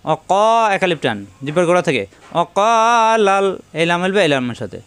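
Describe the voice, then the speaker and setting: A man giving a tajweed lesson, chanting verses slowly and then quickly explaining how each letter is pronounced. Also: on the high side, expressive, no room sound. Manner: alternates slow melodic recitation with quick explanations of pronunciation. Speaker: Quran recitation teacher.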